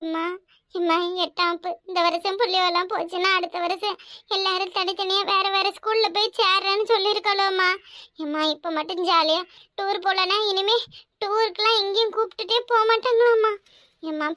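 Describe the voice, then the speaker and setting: A woman's voice: extremely high pitch, steady tone, fairly quick, bright, forceful tone, no room sound, clean studio sound. A woman voicing a tearful young schoolgirl of about thirteen in a cartoon, with a Kanyakumari Tamil accent and a whiny, begging way of talking. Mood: complaining. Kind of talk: cartoon voice acting.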